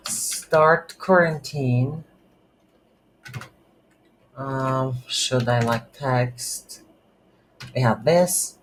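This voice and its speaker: In a mid-range voice, a tutorial instructor for game development works through code unscripted, halting and slow, voicing his thoughts as he types. Background noise and keyboard sounds are present.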